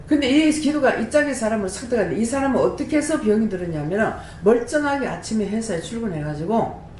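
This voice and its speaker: A woman, a prayer house director, giving an animated testimony sermon and throwing rhetorical questions to the congregation. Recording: echoey room with faint rumble.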